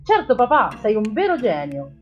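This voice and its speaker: A woman's voice: fairly high pitch, wildly swooping pitch, moderate pace, dull audio, slight background noise, voice pushed up. A woman doing an eager young boy. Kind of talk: audiobook reading.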